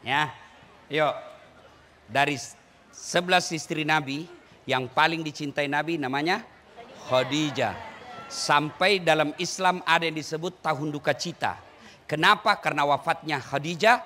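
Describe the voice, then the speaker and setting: High, bright-voiced preacher in echoey hall. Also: male voice, unhurried, long pauses, slight background noise. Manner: teasing, shouting and singing to the audience. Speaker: Islamic preacher. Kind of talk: lively sermon to a crowd. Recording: echoey hall with faint ambience.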